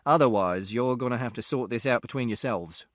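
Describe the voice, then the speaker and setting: A man's voice: medium pitch, fairly quick, no echo, studio quality, natural voice. A man doing a businesslike policeman. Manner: matter-of-fact, officious. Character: calm, practical police officer.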